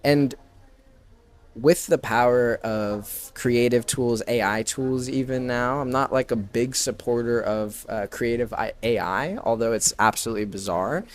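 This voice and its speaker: A man's voice: medium pitch, steady tone, a little slow. A man in his twenties, a podcast guest who runs a branding business, speaking in a casual conversational way that is full of "like" and "right?". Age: 20s. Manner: filler-heavy, frequent "like" and "right?" tags.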